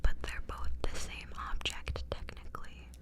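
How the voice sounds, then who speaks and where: A woman's voice: moderate pace, fairly bright tone. A young woman whispering in a chatty, giggly way into a mic at home for an ASMR video. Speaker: ASMR co-host. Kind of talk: whispered ASMR object show. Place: house, family heard downstairs. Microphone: handheld mic she keeps bumping.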